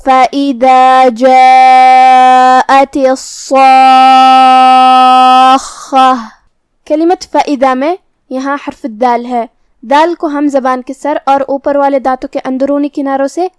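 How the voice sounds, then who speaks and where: A woman's voice: high-pitched, dark tone, no room sound, studio quality. A woman teaching Quran recitation rules, explaining each letter and pronunciation step by step in a patient, methodical way. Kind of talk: tajweed lesson with slow recitation.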